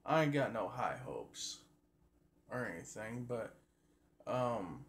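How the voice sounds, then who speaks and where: A man's voice: mid-range voice, big pitch swings, slow. A man chatting casually and folksily to his viewers, rambling along in a colloquial way into a phone. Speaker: livestream host. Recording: noisy phone recording with background ambience.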